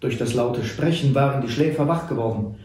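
A man reading an adventure novel aloud in a measured storytelling way. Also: mid-range voice, darkish tone. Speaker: reader. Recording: echoey room.

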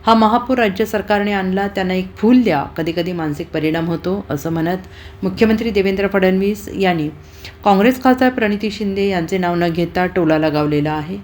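A woman reads a scripted news report in a brisk, formal news style. Her pitch sits in an ordinary middle range. Faint noise is heard behind her voice. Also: a little mellow.

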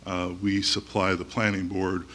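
A middle-aged man presenting a site plan at a public meeting, halting with fillers and restarts, recorded from far across a large town hall room. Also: low voice, little pitch movement. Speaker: applicant's representative. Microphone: far camera. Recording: echoey hall from far off, loud noise.

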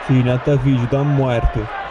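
A man's voice: mid-range voice, level tone, moderate pace, dull audio. A man with a southern Italian dialect accent hosts a parody football commentary. He is mocking and crude in his delivery. A heavy, noisy stadium crowd roars behind his voice throughout. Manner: mocking, foul-mouthed.

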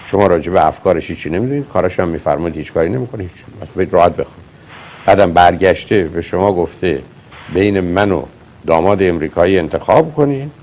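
A man's voice: low voice, lively intonation, a little mellow, a little hiss or hum. A man hosting a call-in advice show as a psychologist, blunt and lecturing with his caller. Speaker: psychologist host.

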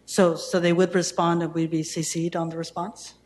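A woman's voice: fairly low pitch, flat delivery, moderate pace, darkish tone. A woman city councillor asking a question in a meeting, hesitant with many fillers and restarts. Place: council chamber. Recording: long reverb, faint room noise, council chamber.

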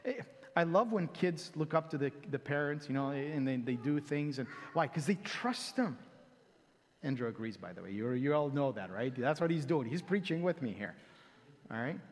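Animated preacher in a reverberant hall. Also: male voice, mid-range voice, moderate pace. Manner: animated, acts out quotes with sudden loud exclamations. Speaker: pastor. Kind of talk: sermon. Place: church sanctuary.

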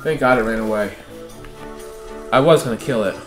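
A man's voice: medium pitch, moderate pace. A man giving casual let's-play commentary, swearing often and ranting irritably at the game. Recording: roomy echo with game music. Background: game music.

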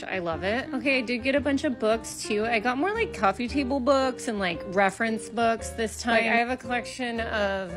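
A woman collector giving an enthusiastic, gushing voice-over about her vintage finds in a casual show-and-tell. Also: a little high.

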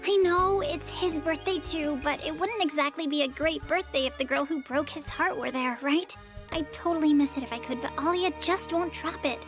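A woman's voice: high-pitched, normal speed, close to an everyday voice. A woman voicing an anxious, earnest teenage girl in a cartoon, rambling and flustered. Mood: anxious, pleading. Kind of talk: animated cartoon dub acting. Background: background music.

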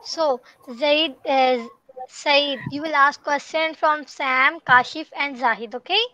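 Casting: woman class host, high bright voice, short directive prompts over video call. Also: fairly even intonation, takes it slowly, dry recording, highs cut off. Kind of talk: moderating an online class.

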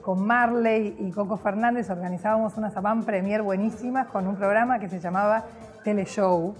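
A woman's voice: medium pitch, steady tone, normal speed, faint music behind. Chatty Argentine woman telling her story. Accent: Argentine Spanish. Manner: cheerful, chatty, with many fillers. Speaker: guest, public relations professional. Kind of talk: personal storytelling to camera. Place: hotel lobby indoors.

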